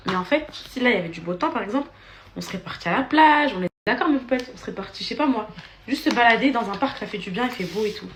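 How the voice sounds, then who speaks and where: A woman's voice: on the high side, lively intonation, fast talker, fairly bright tone, slight background noise. A young woman filming a casual vlog at home on her phone, chatting to her followers and cooing at her children. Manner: chatty, switches into sing-song baby talk. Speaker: influencer filming her daily story. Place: home, indoors.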